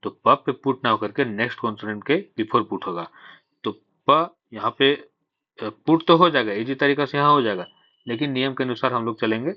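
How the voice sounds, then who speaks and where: A man's voice: mid-range voice, normal speed, no echo. Patient male shorthand teacher, dry lo-fi. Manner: patient, explains step by step, asks and answers himself; mixes English terms into Hindi. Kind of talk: classroom-style lesson.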